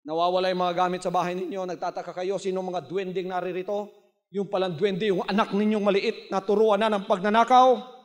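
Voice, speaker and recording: A male pastor delivers a sermon in a fairly high voice. He preaches emphatically, swelling suddenly louder to drive home his points. His voice carries a long echo, as if he is in a large hall. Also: flat delivery, a little fast. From Philippines.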